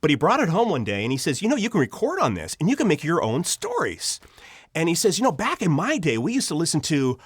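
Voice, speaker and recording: A middle-aged American man, an audio drama writer appearing as a podcast guest, tells personal stories in an animated, conversational way and acts out snippets of remembered dialogue. His voice is on the high side with wildly swooping pitch, a quick pace and slight roughness. The studio-quality recording has no room sound.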